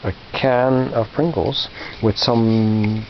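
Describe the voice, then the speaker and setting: A man in his fifties with a slightly low, steady voice rambles through his flea market finds, halting often with fillers and restarts. The casual show-and-tell sounds a little muffled over a faint hiss.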